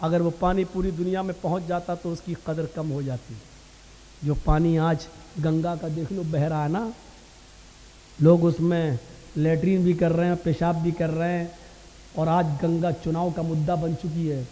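A man preaching a devotional sermon, switching between loud, impassioned declaiming and low, hushed asides. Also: flat delivery, measured pace. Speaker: Islamic preacher. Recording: long reverb of a large hall.

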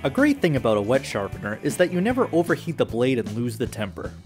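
A man's voice: mid-range voice, very animated, fast, darkish tone, soft background music. A man with a nasal voice, hosting and narrating a step-by-step knife-making build, upbeat with jokey asides. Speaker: knife-making channel host.

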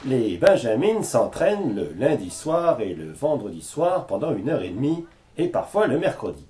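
A man reading a scripted news report as a voice-over, in a measured and unhurried way. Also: medium pitch, big pitch swings, a crowd in the background. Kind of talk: scripted narration.

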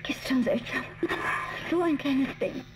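High-voiced distraught woman, noisy message. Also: a little slow. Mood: sorrowful, shaken. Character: distraught woman in a recorded farewell video message. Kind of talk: dramatic game voice acting. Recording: noisy, crackling distant video message.

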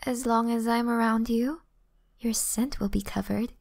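A woman acts out a female vampire in an ASMR role-play, flirtatious and gentle yet predatory. Her voice is fairly high, soft and mellow. She takes her time, teasing and quietly boasting. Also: fairly even intonation, creaky. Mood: teasing, admiring. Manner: teasing, softly boastful, unhurried.

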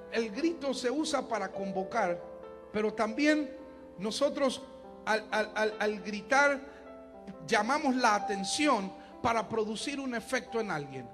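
A man with a very high voice preaches a fervent sermon at a live church gathering. He drops to quiet talk, then builds to shouted calls. Music plays clearly underneath him. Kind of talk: impassioned sermon.

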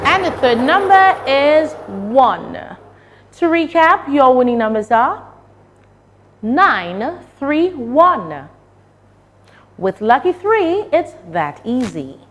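A woman's voice: high voice, big pitch swings, slow, fairly bright tone. A young woman, presenting a lottery draw in a formal, carefully enunciated way. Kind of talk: scripted TV lottery announcing.

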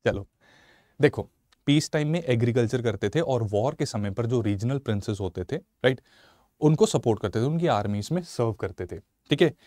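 A man in his thirties from Punjab teaching a live online exam-prep lecture in a studio, animated and mixing Hindi and English while asking viewers questions. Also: medium pitch, moderate pace, no room sound. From Punjab, India. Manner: animated, switches between Hindi and English, asks viewers questions, gestures a lot. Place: studio in front of a slide screen. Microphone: lapel mic.

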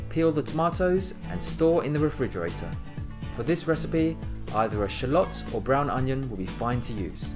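A man hosting a home cooking video, giving clear step-by-step instructions and tasting the dish in his kitchen. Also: mid-range voice. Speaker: cooking show host. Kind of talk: recipe narration and tasting. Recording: background music under voice.

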